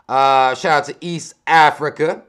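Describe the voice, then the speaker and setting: A man's voice: a little high, steady tone, measured pace, a bit bright, smooth. A man in his thirties hosting a casual advice vlog, reading viewer emails aloud and adding blunt, laid-back commentary with a lot of swearing. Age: 30s. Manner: adds commentary between lines he reads out. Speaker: advice vlogger.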